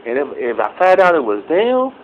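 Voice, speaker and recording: A middle-aged man ranting casually into his phone camera, profane and rambling, with loud outbursts and low mutters. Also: huge pitch swings, a little fast, a little hiss or hum. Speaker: vlogger. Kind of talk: casual angry rant to camera. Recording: slightly dull phone recording.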